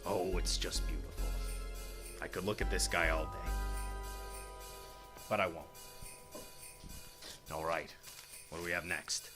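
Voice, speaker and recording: A man's voice: low voice, steady tone, unhurried, long pauses, music in the background. A man playing a jolly ghoul horror host, presenting in a campy, theatrical way with slangy, folksy address to his audience. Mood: delighted, showy.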